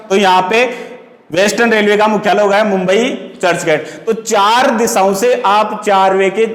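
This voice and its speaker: High-voiced male teacher in an echoey classroom. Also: a bit bright. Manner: asks questions and answers them himself, repeating key words; explains memory tricks through wordplay. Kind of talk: classroom lecture with question-and-answer drills. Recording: echoey classroom recording with long reverb.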